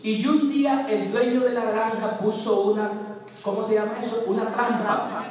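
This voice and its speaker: High-voiced preacher in an echoey hall. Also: male voice, steady tone, normal speed, darkish tone. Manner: emphatic, repeats key phrases, tells a parable with animal voices. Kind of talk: sermon. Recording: echoey hall from far off with a congregation. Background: congregation answering.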